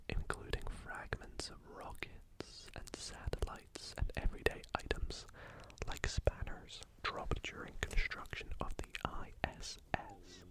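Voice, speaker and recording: A woman whispering facts slowly for ASMR, breaking off into chatty asides about what she reads. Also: low-quality recording. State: sleepy, yawning. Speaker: ASMR creator. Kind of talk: whispered ASMR fact reading.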